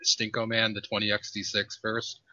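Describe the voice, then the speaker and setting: A man tells rambling stories on a casual podcast and laughs at his own anecdotes. His voice is bright and forceful. The sound is dry and close, with a dull, lo-fi quality. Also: lowish voice, completely flat delivery, normal speed, no echo.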